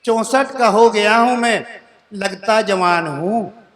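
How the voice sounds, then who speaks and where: Onstage at a live poetry gathering, a sixties-aged comic poet speaks slowly in a high voice against a noisy background. Treating the crowd like friends, he chats between humorous poems and stories, echoing each couplet line before its punchline.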